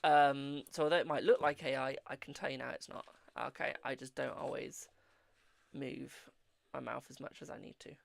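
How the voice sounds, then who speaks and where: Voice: mid-range voice, level tone, normal speed, vocal fry, no room sound. A British fortune teller chatting casually with viewers on a live stream and giving readings, addressing them as darling.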